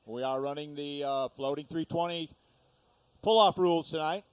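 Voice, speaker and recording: Folksy, slightly high-voiced male tractor pull announcer. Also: normal speed, clean tone. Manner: folksy, conversational, explanatory. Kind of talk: live tractor pull commentary. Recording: noisy event with engine rumble.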